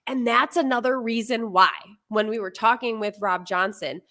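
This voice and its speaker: Bright-voiced chatty woman co-host. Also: a little high. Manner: chatty and animated, quick laughs. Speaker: co-host, former TV weather forecaster. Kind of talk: casual chat.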